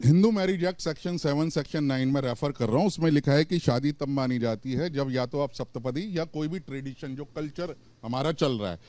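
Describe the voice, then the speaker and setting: A man arguing on a TV news debate panel, forceful and indignant, talking over others. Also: fairly high pitch, a little fast, few pauses, no echo. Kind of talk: heated TV debate argument.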